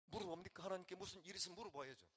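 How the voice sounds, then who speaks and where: A man's voice: sits high, racing, slightly rough. Older man preaching a sermon. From Gyeongsang region, Korea. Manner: emotional, swings from quiet to loud. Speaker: pastor.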